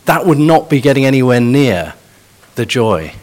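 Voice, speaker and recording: A man's voice: mid-range voice, very animated, moderate pace, a little mellow. A man preaching a sermon in an earnest, emphatic way, pressing hard on key points.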